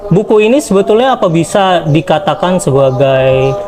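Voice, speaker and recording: A man's voice: on the high side, animated, normal speed. A man moderating a book discussion, putting a question in a casual, polite way.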